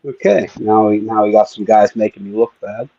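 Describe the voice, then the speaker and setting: A man's voice: on the low side, steady tone, a little fast, warm tone, no room sound. A man hosting a casual stream, muttering to himself as he works. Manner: mutters to himself while working. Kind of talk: casual chat while picking. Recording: dull lo-fi stream audio.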